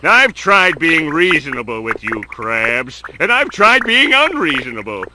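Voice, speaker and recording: A man's voice: a little high, big pitch swings, unhurried, background noise. A man voicing a tiny, scheming plankton villain in a cartoon video game, pompous, irritable and theatrically menacing. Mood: menacing, exasperated.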